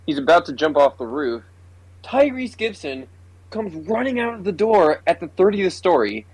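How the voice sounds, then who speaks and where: A young man co-hosting a podcast in casual chat, excitable and swearing, laughing as he retells scenes. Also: high voice, normal speed, breathy edge, no room sound, poor audio. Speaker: podcast co-host.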